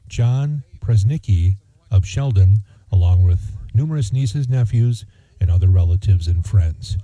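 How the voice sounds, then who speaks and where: A man reading formal radio announcements in a measured, solemn manner, phrase by phrase. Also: fairly low pitch, warm tone. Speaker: funeral notice announcer. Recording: dull, roomy sound with faint music.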